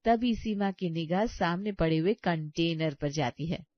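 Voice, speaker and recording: Woman reading a family story, steady tone, dull muffled audio. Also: lowish voice, measured pace, no room sound. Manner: even, storytelling. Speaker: narrator. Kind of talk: scripted story narration. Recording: dull lo-fi sound.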